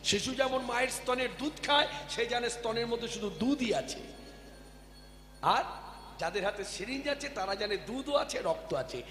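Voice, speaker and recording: A man's voice: very high voice, lively intonation, moderate pace, a bit bright, slight background noise. A man giving a devotional sermon, questioning his listeners emphatically. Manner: addresses the audience with questions, emphatic. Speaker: kirtan preacher. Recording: echoey hall with music behind.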